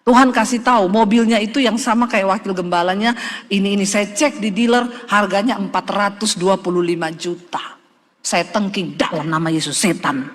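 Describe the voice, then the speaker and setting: A woman's voice: medium pitch, steady tone, normal speed. Woman, middle-aged, pastor, emphatic conversational sermon, long hall reverb. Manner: emphatic, conversational preaching that addresses the congregation directly.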